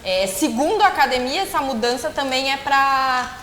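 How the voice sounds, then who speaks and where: A woman's voice: high voice, expressive, normal speed, a bit bright, roomy sound, slight background noise. A woman, a guest film critic, talks about a film in casual panel chat, thinking aloud with fillers.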